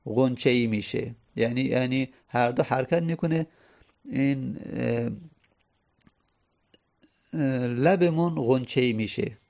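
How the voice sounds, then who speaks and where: A male teacher gives an Arabic grammar lesson in a slightly mellow, medium-pitched voice. He explains step by step, repeating key phrases and sounding out vowels to demonstrate.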